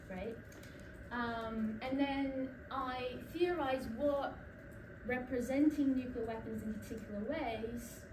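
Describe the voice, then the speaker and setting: Giving a conference talk in a lecture room, a young female academic from Brazil speaks with an accent that carries a New Zealand tinge in its vowels. Her slightly high voice breaks often into ums and restarts as she tells a story, and the distant mic picks her up across an echoey, noisy room.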